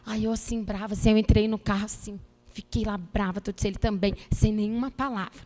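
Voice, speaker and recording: A woman pastor preaching to couples, telling stories with quoted dialogue in a lively way. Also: mid-range voice, quick pace. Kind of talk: sermon to couples. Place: church. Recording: church hall reverb.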